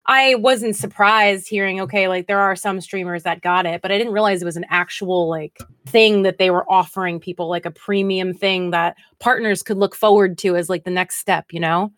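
Animated woman podcast co-host, dry sound. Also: medium pitch, moderate pace, hardly any pauses, no room sound. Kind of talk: casual podcast chat.

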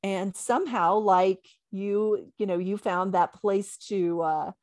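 Woman podcast guest chatting, medium pitch, really dry recording, emphatic and agreeable. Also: steady tone, slow, darkish tone, no echo. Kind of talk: casual conversational interview.

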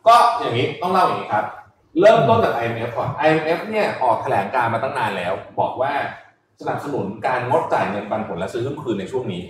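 A man hosting a casual talk show, explaining news in a lively, animated way and laughing now and then. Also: mid-range voice, fast talker, far from the mic, a little hiss or hum. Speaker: host. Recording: roomy echo from off-mic, faint ambience.

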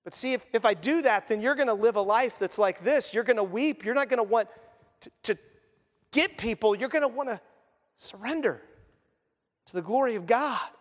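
A man preaching a sermon as pastor, earnest and conversational, often dropping to a hushed voice for emphasis. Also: extremely high pitch, lively intonation, normal speed, big-room sound. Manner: earnest, conversational preaching with sudden quiet drops.

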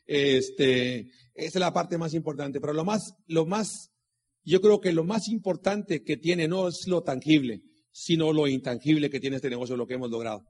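Middle-aged male motivational speaker, husky and preachy, heavy on rhetorical questions and repetition. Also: on the high side, moderate pace, a little mellow. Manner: preachy, asks rhetorical questions and repeats key lines; tells personal anecdotes. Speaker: motivational speaker at a business meeting. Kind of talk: motivational talk to a live audience.

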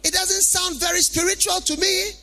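A man's voice: extremely high pitch, flat delivery, moderate pace, vocal fry, sharp tone, faint music behind. A man with a Ghanaian accent preaching a sermon in an emphatic, repetitive way, full of rhetorical questions.

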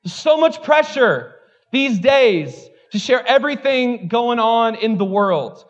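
A pastor preaches to his church in a candid, conversational way, poking fun at himself and sprinkling his talk with "like." His voice is very high with lively intonation, he takes it slowly, and the recording's highs are cut off.

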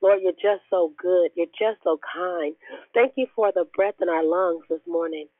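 Hoarse, raspy woman on a phone line. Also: lowish voice, normal speed, slight background noise. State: hoarse, unwell. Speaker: prayer call speaker. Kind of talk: devotional talk and prayer on a group call. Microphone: phone call. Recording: tinny narrow phone line.

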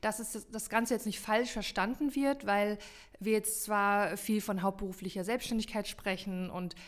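A woman's voice: mid-range voice, fairly even intonation, normal speed. A woman co-hosting a podcast, explaining in long emphatic runs with many fillers in a casual chat. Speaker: podcast co-host.

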